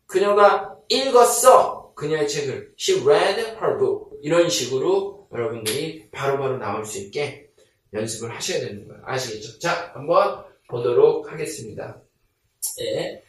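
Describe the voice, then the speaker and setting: A man's voice: mid-range voice, lively intonation, far from the mic. Man, teacher, patient repeated drills, strong room echo. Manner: drills slowly, repeats sentences, asks "아시겠죠?". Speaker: English teacher. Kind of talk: online lesson.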